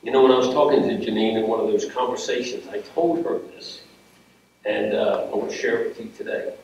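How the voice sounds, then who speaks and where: A man's voice: fairly low pitch, steady tone, vocal fry, darkish tone, muffled recording. Man preaching in an echoey chapel. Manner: conversational, earnest, with pauses and restarts. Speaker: pastor officiating a funeral. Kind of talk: funeral sermon. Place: funeral home chapel. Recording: very echoey hall, heard from a distance, faint room hum.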